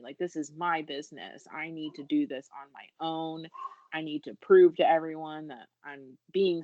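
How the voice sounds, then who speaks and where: Her voice is low-pitched with a darkish tone, captured with no echo and a dull sound. She's an American business founder in her thirties, chatting casually but earnestly on a podcast, self-deprecating and laughing occasionally mid-sentence.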